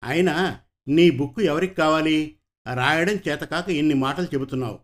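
A man voicing an angry woman teacher from a storybook, scolding a pupil sharply. The voice sits somewhat high for a man. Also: normal speed, lightly acted. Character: stern, angry female schoolteacher.

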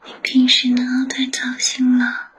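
A woman whispering softly as an attentive young secretary who looks after her boss in an ASMR roleplay. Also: sits high, completely flat delivery, unhurried, slight background noise. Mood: caring. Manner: soft whispering, gentle and solicitous.

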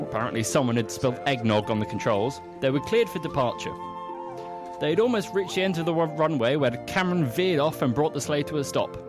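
A man telling a comic story with playful, teasing asides. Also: on the high side.

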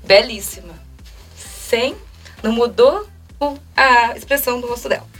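A young woman in her twenties with a Brazilian Portuguese accent, a guest telling a personal story quickly and emotionally and acting out quoted dialogue. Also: fairly high pitch, a bit bright. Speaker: interview guest. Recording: mic at a distance, faint music.

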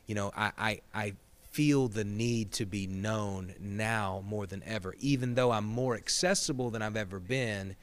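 Low-voiced man, earnest preacherly talk. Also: a bit bright. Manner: emphatic, builds in repeated phrases. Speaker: pastor.

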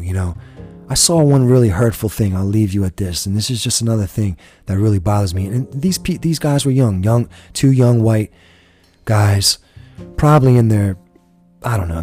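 A man's voice: lowish voice, a little mellow. A man from the United States hosting a podcast, delivering an impassioned, profane political rant. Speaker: podcast host.

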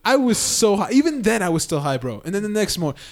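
A young man talks in a relaxed, slang-heavy ramble with a fairly high voice. He swears freely and tells his story with lively energy, in casual conversation with a friend. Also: fast talker. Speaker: friend chatting. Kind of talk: casual chat.

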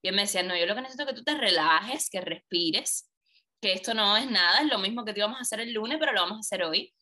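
A woman talks fast at medium pitch as an interview guest, telling a story from her own life. She's animated and acts out the dialogue she quotes.

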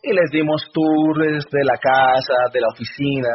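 A man's voice: on the high side, fairly even intonation, unhurried, slightly rough. A man giving a motivational business speech, telling anecdotes and jokes. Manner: anecdotal, storytelling. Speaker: speaker at a business event. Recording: dull lo-fi recording.

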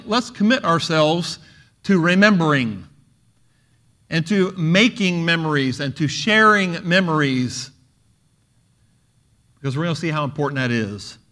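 A man's voice: a little high, sharp tone. A middle-aged man preaching a sermon, telling jokes and stories and raising his voice for the quoted lines.

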